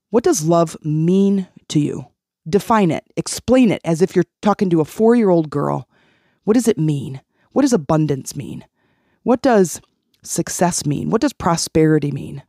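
Lowish and dark in tone, her voice carries a motivational solo episode of her healing podcast, where as host and life coach she encourages earnestly and repeats phrases to stress her points. The sound is clean studio audio with no room sound.

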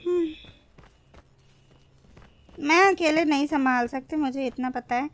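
High-voiced woman swearing through a game. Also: a little slow. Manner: exasperated, swears often, pleads with teammates. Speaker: mobile game streamer. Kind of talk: frantic gameplay commentary.

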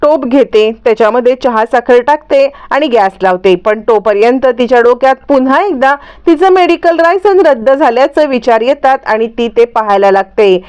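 A woman narrating a lively retelling of a TV serial episode. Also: high voice, clear, resonant tone. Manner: lively storytelling.

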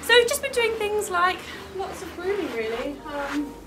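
A woman's voice: extremely high pitch, sing-song, normal speed, background noise. A woman chatting casually to camera in a horse vlog, upbeat and talkative, also chatting to her horse. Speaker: horse vlogger. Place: kitchen, car, then horse stable.

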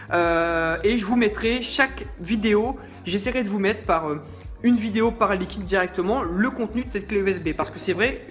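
A man unboxes vape products with a playful, self-mocking humor, tossing out animated asides as he goes. Faint music plays quietly behind his voice. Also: high voice. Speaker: vape reviewer. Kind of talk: joking unboxing vlog.

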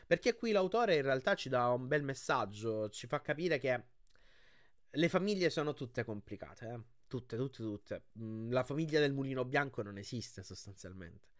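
A man hosting his channel, reading a novel aloud with expressive storytelling and then commenting on the chapter in a chatty, thoughtful way. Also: medium pitch, normal speed, dry recording, clean studio sound. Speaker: audiobook reader and channel host.

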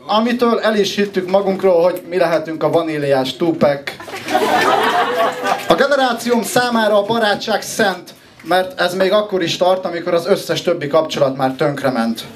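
A Hungarian man in his twenties, a slam poet and contestant, performs rhythmic, rhyming poetry. His delivery is wry and ironic, with pauses before the punchlines, and his voice sits high.

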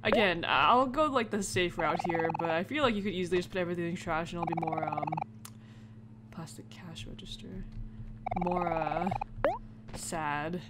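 Narrating a game playthrough at a moderate pace, this woman has a voice on the low side. She reads the on-screen text aloud and reacts casually with informal asides, while clicks and heavy background noise fill the recording.

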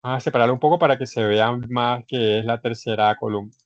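A man's voice: medium pitch, steady tone, quick pace, no echo, muffled recording. Colombian man teaching English grammar online. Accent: Colombian Spanish. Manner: repeats points, addresses students as usted. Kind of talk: online class explanation.

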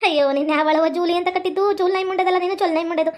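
A woman's voice: very high voice, fairly even intonation, very fast. A woman playing a dramatic village woman with a North Karnataka accent, wailing and scolding as she cries for help. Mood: panicked. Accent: North Karnataka Kannada. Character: loud, dramatic village woman locked in a cell.

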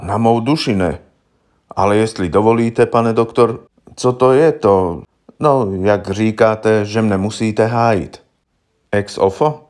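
A man's voice: lowish voice, darkish tone, close to an everyday voice. A man voicing a simple, stubborn farmer who talks bluntly and plainly in a rustic way. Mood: indignant. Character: simple, stubborn middle-aged male farmer accused of murder.

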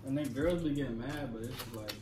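A man's voice: medium pitch, quick pace. A man in a casual chat with friends, speaking offhand and a little hesitant. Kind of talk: casual chat among friends over food. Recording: roomy echo, from far off, loud music behind.

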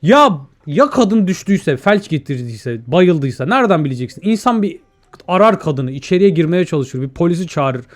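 Young man, let's-play commentary, somewhat high pitch, talks to himself and the viewers. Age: young adult. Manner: chatty, talks to himself and the viewers while playing; reads out in-game dialogue. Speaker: gaming YouTuber.

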